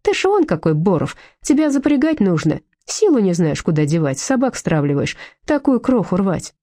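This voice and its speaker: A woman reading a storybook aloud, voicing a bold, sharp-tongued woman who stands up for her dog. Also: mid-range voice, big pitch swings, normal speed, dry recording, studio quality. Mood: defiant.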